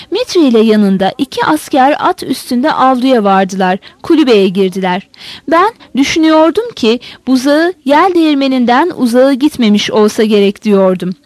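A woman's voice: high-pitched, darkish tone, no room sound. A woman reading the part of a frightened peasant woman who stammers and sobs through her account.

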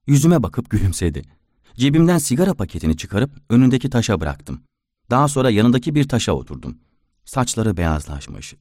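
A man narrating a written story with an expressive storytelling delivery. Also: medium pitch, no room sound, clean studio sound. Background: faint instrumental music.

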